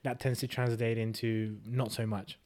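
A man's voice: medium pitch, flat delivery, normal speed, a little mellow. A man chats casually as a podcast co-host. His voice sits in an ordinary middle register. He talks in a wry, joking, self-deprecating way. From Hungary. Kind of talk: casual chat.

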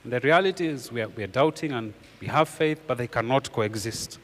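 Man preaching with hushed, repeated emphasis. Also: mid-range voice, fairly quick, long reverb tail. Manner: earnest preaching, repeats key phrases, drops to a hushed voice for emphasis. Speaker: pastor. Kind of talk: sermon.

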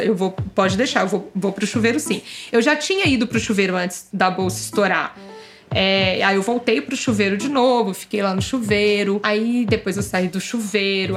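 A young adult woman casually telling her own birth story, acting out the dialogue in lively turns. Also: medium pitch. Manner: lively, acts out quoted dialogue.

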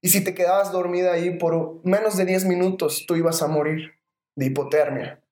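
A podcaster voicing a calm, stern man who explains why he took the baby. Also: mid-range voice, moderate pace, reverberant, lightly acted.

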